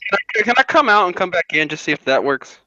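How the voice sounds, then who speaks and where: A man's voice: sits high, big pitch swings, quick pace, pushed and bright, no echo. A brash, mocking man in a casual online trash-talk debate, his voice muffled and underwater-sounding through a bluetooth headset mic. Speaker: debate panelist. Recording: dull lo-fi headset mic over an online call.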